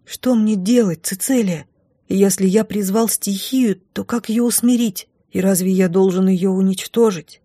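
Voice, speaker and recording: A woman reading an audiobook, voicing a timid, earnest young boy prince who asks soft, hushed questions. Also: mid-range voice, unhurried, dry recording, clean studio sound, close to an everyday voice. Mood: anxious.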